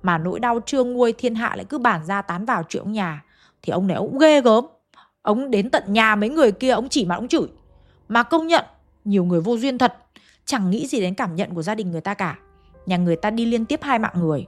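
A woman's voice: mid-range voice, lively intonation, brisk, faint music behind. A woman telling a ghost story in a chatty, conversational way, speaking straight to her listeners. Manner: chatty, addresses listeners directly.

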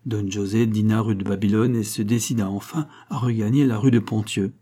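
A man giving a scripted, dramatic and expressive narration of a classic novel. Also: fairly low pitch, a little fast. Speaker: audiobook narrator.

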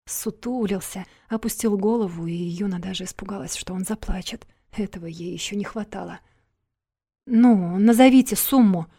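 A woman's voice: medium pitch, steady tone, brisk, hardly any pauses, mellow, slightly rough, dry recording, clean studio sound. A woman narrating an audiobook in a wry, confiding storytelling manner. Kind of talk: scripted narration.

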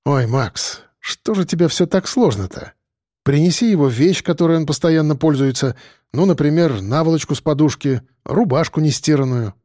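A man's voice: fairly high pitch, normal speed, dark tone, no echo, studio quality, lightly acted. A male reader voicing a grumbling forensic expert who explains things in a matter-of-fact way. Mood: explaining.

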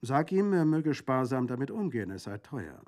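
A man's voice: medium pitch, very animated, normal speed, a little mellow, pitched above the performer's own voice, close to an everyday voice. A man reading the part of a fierce, proud young Corsican woman who speaks earnestly and insistently.

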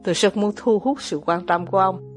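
A woman reading as a poor, bitter older male ex-officer with quiet irony, in an audiobook. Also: medium pitch, a little fast, soft background music, lightly acted. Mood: bitter, ironic.

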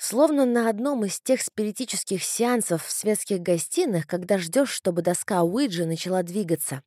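A woman narrating an audiobook in a measured first-person storytelling manner. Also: medium pitch, lively intonation, warm tone, no room sound, studio quality. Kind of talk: scripted narration.

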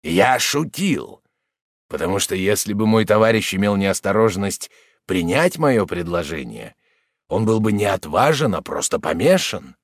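Male narrator putting on a devilish, teasing tamer: raised and mocking, lively, dry close sound. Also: low voice, unhurried, no echo, heavily acted. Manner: sly, teasing.

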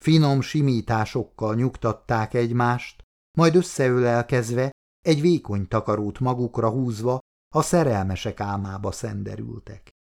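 A man reading a novel aloud as audiobook narrator, in calm, even storytelling. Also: medium pitch, gravelly. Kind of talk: scripted narration.

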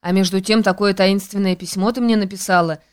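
A woman's voice: medium pitch, fairly even intonation, a little fast, clear, resonant tone, close to an everyday voice. A woman reading an audiobook, voicing a plump, bewildered young woman friend. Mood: puzzled.

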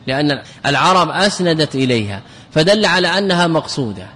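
Man, grammar teacher, fairly high voice, repeats words, quizzes the class, long hall reverb. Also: animated, fast talker, bright, forceful tone, breathy edge. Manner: repeats words to drill them, asks students questions. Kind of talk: classroom lecture.

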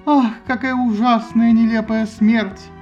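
A man's voice: flat delivery, measured pace, darkish tone, dull audio, faint music behind. A man voicing a vain, hysterical goddess who wails and shrieks in exaggerated agony. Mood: wailing hysterical. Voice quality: shrill, wailing. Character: hysterical wailing goddess, woman, vain and dramatic.

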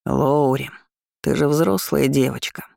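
A woman reading a stern middle-aged father in a storybook, measured and slow, with a mellow, dry tone. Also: mid-range voice, steady tone, creaky, no echo.

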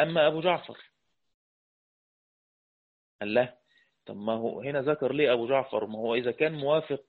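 Egyptian man teaching over tinny audio. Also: medium pitch. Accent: Egyptian Arabic. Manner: conversational, asks the class questions, chants verses slowly. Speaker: Quran recitation teacher. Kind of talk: explanatory lecture with chanted verse quotes.

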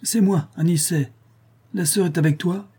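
A man's voice: high-pitched, moderate pace, mellow, husky, pitched above the performer's own voice. A man reading aloud, voicing a courteous working-class neighbor.

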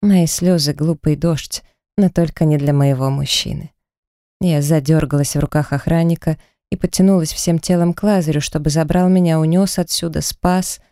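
A woman narrating a first-person audiobook novel with dramatic, emotional reading. Her voice is mellow and smooth, recorded close and dry. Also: low voice, fairly even intonation, moderate pace, no echo.

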